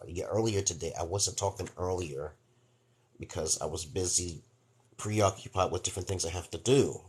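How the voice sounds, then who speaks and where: New York man in his forties, very low voice, rambling livestream host giving advice, keeps asking "okay?". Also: slightly rough. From Brooklyn, New York, USA. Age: 40s. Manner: rambling, repeats "okay?" often. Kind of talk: casual livestream monologue.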